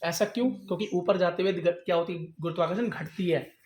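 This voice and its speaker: A man's voice: high-pitched, fairly quick, a little mellow. A man teaching a science lesson to a class, asking students questions and answering them himself. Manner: quizzes students, calls them "beta", answers his own questions.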